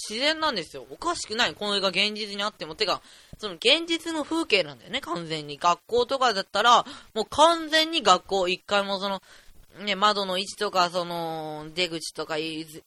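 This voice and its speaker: A teenage boy of about fifteen hosting a solo podcast, rambling in an excitable, chatty, jokey way at a desk mic. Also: sits high, no echo. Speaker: podcast host.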